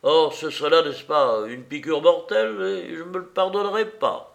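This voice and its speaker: A man voicing a calm, courteous gentleman thief who answers with polite mock courtesy. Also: fairly high pitch, normal speed, vocal fry, voice pushed up.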